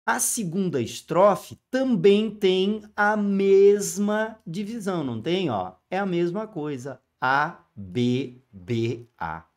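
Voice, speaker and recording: Male teacher, informal exam-review lesson, slow deliberate delivery, voices student questions himself. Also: high-pitched, big pitch swings. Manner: spells out rhyme letters slowly, one by one.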